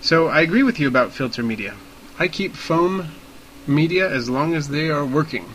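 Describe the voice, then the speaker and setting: A man's voice: on the high side, expressive, normal speed, fairly bright tone, slight background noise, rough recording. A man hosting a podcast, explaining things casually but with precise, slightly formal wording. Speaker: podcast host.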